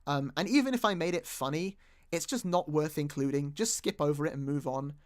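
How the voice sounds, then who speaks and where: Watching his own video back, a British YouTube creator rambles through casual commentary, repeatedly restarting sentences and teasing himself. He speaks briskly in a fairly high voice.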